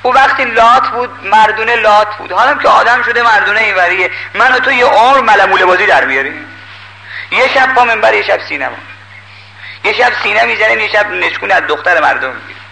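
An older man preaching a sermon in a lively, emphatic way, pleading with and scolding his listeners. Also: high voice, gravelly, noisy background.

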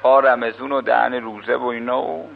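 A man's voice: medium pitch, creaky, a little hiss or hum. Colloquial male preacher on old radio. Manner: colloquial, lively storytelling with religious asides. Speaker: cleric preacher. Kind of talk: storytelling sermon. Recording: dull lo-fi old radio recording.

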